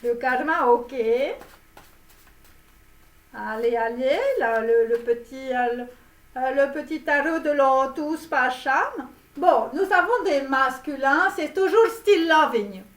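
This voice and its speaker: A woman's voice: high voice, slow pace, fairly bright tone, distant mic. A woman voicing a brash Romanian-American guru coach with a put-on Romanian accent, who talks in a rambling, theatrical way during a comic tarot reading. She is recorded in a roomy space away from the mic. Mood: over-the-top. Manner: rambling, theatrical, self-promoting. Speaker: tarot reader and love coach.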